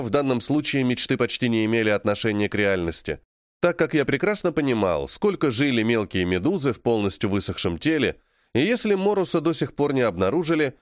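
A man reading a first-person fantasy audiobook in a measured, matter-of-fact way. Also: mid-range voice, no room sound, studio quality. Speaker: audiobook narrator.

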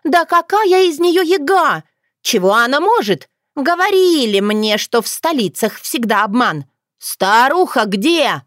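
A woman voicing a brash, quarrelsome young village girl who talks loudly and shrilly. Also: sing-song, unhurried, dry recording, clean studio sound, exaggerated voice. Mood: indignant. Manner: loud, shrill, indignant.

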